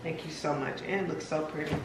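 A woman's voice: deep voice, steady tone, very noisy. A young woman vlogging casually at home, chatting as she unpacks and lists her groceries. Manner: chatty, unhurried, listing items aloud. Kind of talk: casual vlog narration. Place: large bare-walled house indoors. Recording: echoey room, mic at a distance.

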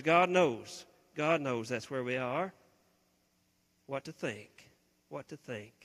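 A Southern US pastor preaches in a big church sanctuary, his voice sitting high for a man. He is earnest, asks his questions again and again, and often sinks to a hushed tone. The hall answers him with long reverb. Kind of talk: sermon.

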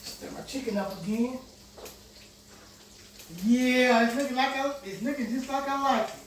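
A man's voice: extremely high pitch, fairly even intonation, moderate pace, slight background noise. A middle-aged man hosting a home cooking vlog, talking casually to himself and viewers as he cooks in his kitchen. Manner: easygoing, talks to himself while cooking. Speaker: home cooking show host. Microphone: fixed camera across the kitchen. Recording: echoey kitchen from far off. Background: frying and sizzling food.

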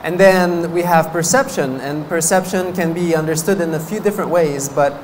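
Gesturing with his hands in a meditation hall, a monk in his thirties sits before a banner and speaks into a stand mic in front of him. He is a French-speaking Canadian Buddhist, French being his first language, giving a chatty dharma talk at a meditation course with lots of laughter between fillers. His fairly high voice moves at a moderate pace, and the rough recording has a little hiss or hum.

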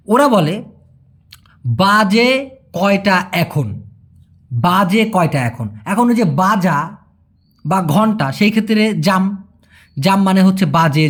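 A man teaching a video language lesson, explaining step by step and often quizzing the viewer. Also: high-pitched.

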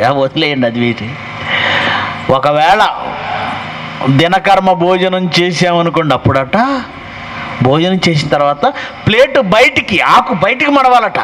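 A man's voice: sits high, fairly bright tone, slight background noise, low-quality recording. A man preaching a live sermon as pastor, emphatic and firing off rhetorical questions, with mocking asides.

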